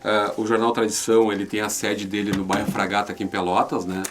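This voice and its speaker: Here an interview guest from a regional newspaper, a man from Rio Grande do Sul with a southern Brazilian accent, answers in a chatty way. He tends to repeat words and looks for agreement with little tags. He talks fast, in a lowish, flat voice.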